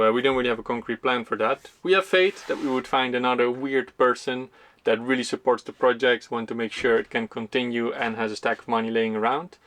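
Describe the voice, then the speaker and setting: A man hosting a community project vlog, explaining costs and plans in a relaxed, plain-spoken way. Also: medium pitch. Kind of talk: casual explanatory vlog narration.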